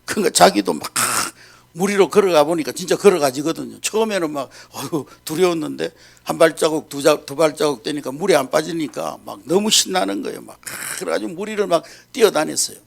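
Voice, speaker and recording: High, gravelly male preacher. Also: fairly quick. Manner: animated, checks in with the congregation. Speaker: pastor. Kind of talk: sermon storytelling.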